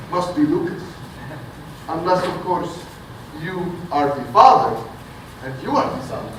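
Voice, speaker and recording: An actor playing a flamboyant, theatrical family patriarch who tells grand stories, heard on a stage recording. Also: male voice, high voice. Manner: grandiose, showy storyteller. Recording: echoey theatre audio from far off, noisy.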